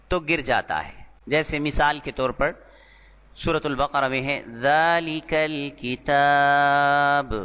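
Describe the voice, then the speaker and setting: In a recorded lecture, a man with a voice on the high side teaches Arabic grammar terms, explaining slowly, repeating each term, and sometimes chanting scripture. The audio is dull and lo-fi, in a reverberant hall.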